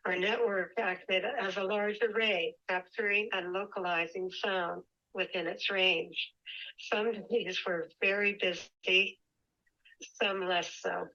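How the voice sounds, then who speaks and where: A woman reads her prepared talk over a remote call, steady and measured in her delivery. Her call audio keeps breaking up and dropping out. The line is dull and lo-fi. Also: mid-range voice. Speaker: whale researcher presenting remotely.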